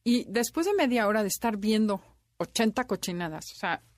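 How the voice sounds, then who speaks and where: A woman's voice: mid-range voice, animated, fairly quick, dry recording. A middle-aged woman co-hosting a radio talk show, telling personal anecdotes. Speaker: radio co-host. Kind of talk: casual radio chat.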